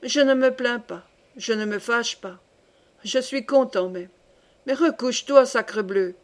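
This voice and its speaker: A woman's voice: unhurried, natural voice. A woman doing a weary, resigned man. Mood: mocking. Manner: tired, resigned, lowered voice. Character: weary, mocking man in bed.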